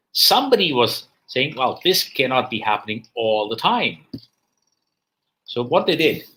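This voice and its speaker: Middle-aged male lecturer, bright tone, asks rhetorical questions and plays out little scenes. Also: medium pitch. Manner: rhetorical questions, acts out bank clerks. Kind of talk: lecture to young students.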